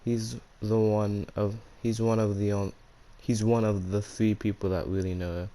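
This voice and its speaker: A man's voice: lowish voice, little pitch movement, normal speed, warm tone. A man with a speech impediment that turns his R's into W's, hosting and narrating fan fiction in a casual, slangy way. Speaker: YouTube storyteller and channel host.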